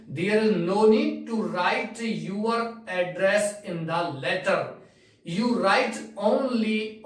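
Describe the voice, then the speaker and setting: A male teacher giving a lesson, explaining step by step and asking and answering his own questions. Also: high-pitched. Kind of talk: classroom lesson. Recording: echoey room from a distance.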